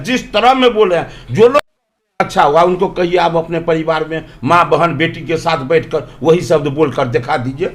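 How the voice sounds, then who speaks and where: A male politician speaks in a high voice that swings widely. He argues emphatically and drives his points home with rhetorical questions. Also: fairly bright tone. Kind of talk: interview answers.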